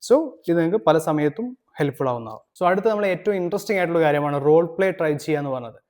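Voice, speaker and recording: A man from Kerala hosting a language tutorial, explaining steps steadily and reading his English prompts out slowly. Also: a little high, lively intonation, a little mellow. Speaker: English teacher, channel host.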